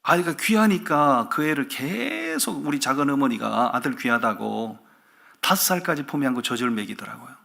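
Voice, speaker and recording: A male pastor preaching a sermon in a lively way, often asking the congregation questions. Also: mid-range voice, moderate pace, gravelly. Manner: animated, asks the congregation rhetorical questions.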